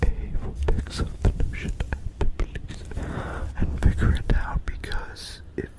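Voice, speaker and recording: A man speaking in a breathy, unvoiced ASMR whisper, rambling through semi-intelligible storytelling. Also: normal speed. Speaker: ASMR video creator.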